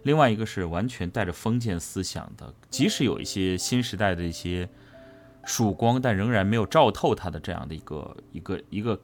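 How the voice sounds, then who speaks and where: With soft music playing behind him, a voice actor explains his character in a relaxed interview answer. He speaks in a low voice at a brisk clip, animated and emphatic, leaning on repeated phrases.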